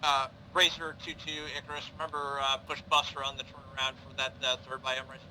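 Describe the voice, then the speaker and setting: A man playing a helicopter pilot in a military game, making halting, procedural radio calls. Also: medium pitch, flat delivery. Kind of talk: military radio chatter, gaming. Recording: noisy, vehicle sound behind.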